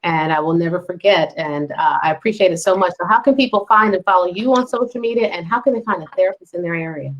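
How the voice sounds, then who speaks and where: A woman hosting a live webinar panel over a video call, brisk and encouraging toward her guests. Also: on the low side, lo-fi sound. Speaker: host.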